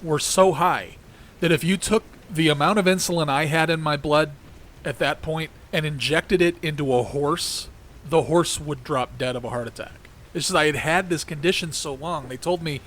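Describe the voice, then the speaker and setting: A congested middle-aged man hosting his own show, his voice cracking now and then. He talks in a loose, rambling monologue. His voice sits a little higher than most men's. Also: normal speed, a bit bright. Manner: heated and ranting, then rambling and conversational. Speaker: podcast host. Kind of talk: casual political monologue.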